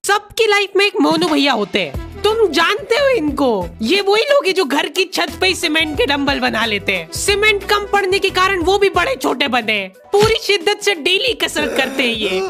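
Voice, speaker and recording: A woman's voice: very high voice, sing-song, normal speed, fairly bright tone, faint music behind. A woman narrating a comedy sketch with wry, mocking commentary.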